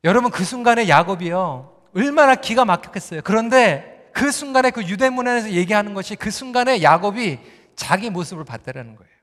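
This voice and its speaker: High-voiced pastor preaching in a reverberant hall. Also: male voice, brisk. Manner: animated storytelling, addressing the congregation directly. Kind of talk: sermon.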